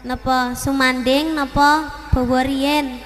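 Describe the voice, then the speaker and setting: Playful high-voiced woman on a reverby stage. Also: little pitch movement, slow pace. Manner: polite, playful, laughing often. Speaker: singer. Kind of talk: casual banter on stage. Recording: long reverb with music behind.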